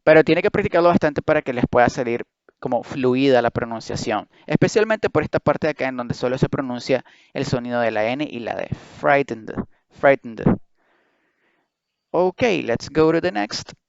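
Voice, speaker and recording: Guy teaching english words, slow careful drills, smooth voice, dry dull lo-fi sound. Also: medium pitch, animated, no echo. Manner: drills words slowly syllable by syllable, switching between English and Spanish. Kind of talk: online pronunciation lesson.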